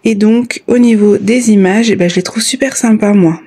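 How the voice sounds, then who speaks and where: A woman with a soft, mellow voice at a middle pitch, talking casually as a vlogger would. She sounds a little breathless and speaks haltingly, pausing often to find her next phrase. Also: slightly rough. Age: adult, a parent of a child. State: slightly short of breath, breathy pauses. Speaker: YouTube vlogger. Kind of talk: casual chat to viewers, unboxing.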